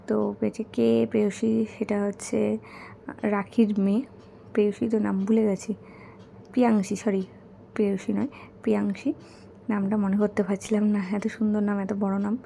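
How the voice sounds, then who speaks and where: Soft-spoken hoarse young mother. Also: medium pitch, level tone, normal speed, a little hiss or hum. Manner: speaking softly because her son is asleep. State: hoarse, her throat is bad. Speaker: vlogger showing gifts. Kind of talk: casual unboxing chat.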